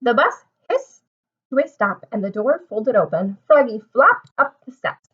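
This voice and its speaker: This teacher's voice sits on the high side, very animated yet unhurried, a bit bright and husky. She reads a picture book aloud to young children, explaining expressively and asking them questions, over dull-sounding audio.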